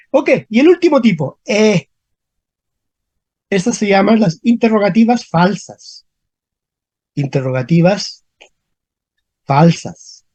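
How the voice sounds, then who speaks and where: A teacher giving an online language lesson over a video call, speaking slowly, repeating example questions and often checking in with the class. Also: medium pitch, darkish tone, slightly rough, no echo. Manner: slow, repeats questions, frequent checking tags. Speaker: Spanish grammar teacher.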